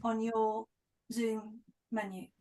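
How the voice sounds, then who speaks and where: A woman moderating an online workshop, brisk and coaxing with the participants. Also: fairly high pitch, little pitch movement, mellow, rough recording. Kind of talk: casual chat. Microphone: video call.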